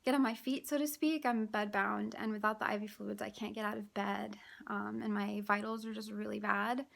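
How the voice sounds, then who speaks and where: A woman talking casually to her vlog viewers, exhausted and out of breath, with a weary, halting delivery and frequent sighs. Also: medium pitch, fairly even intonation, creaky, a bit bright. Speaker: vlogger.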